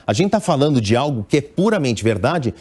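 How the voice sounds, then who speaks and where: The speaker, a middle-aged international editor with a Brazilian Portuguese accent, gives measured, explanatory news commentary that's analytical and marked by small restarts. His mid-range voice is very animated, a little mellow and slightly rough.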